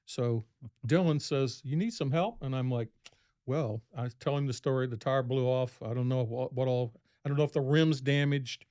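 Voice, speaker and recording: A man's voice: medium pitch, steady tone, normal speed, a little mellow, clean tone. A man, a podcast guest, telling a long story casually, rambling and acting out what people said. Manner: rambling, acts out quoted speech in a raised voice.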